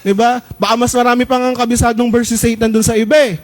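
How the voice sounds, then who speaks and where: High-voiced Filipino pastor preaching. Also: male voice, level tone. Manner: conversational preaching, asks the crowd "Di ba?" and "Amen?" often, mixes in English; slows down when reading verses aloud. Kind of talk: sermon.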